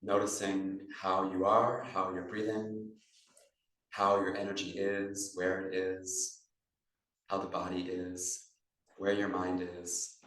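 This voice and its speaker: Heavy reverb fills the room as a man, picked up from far off by the mic, runs a meditation session as a yoga teacher. His deep voice stays level while he gives breath and posture cues in paced, pause-filled phrases.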